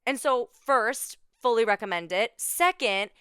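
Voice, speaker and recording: A young woman hosts her own podcast in a bubbly, chatty way, stacking repeated words for emphasis. Her voice is bright and very clean, with sharp treble. The sound is dry and close. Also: a little high, measured pace, smooth, no room sound. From Minnesota, USA. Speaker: podcast host. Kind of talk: casual solo podcast chat.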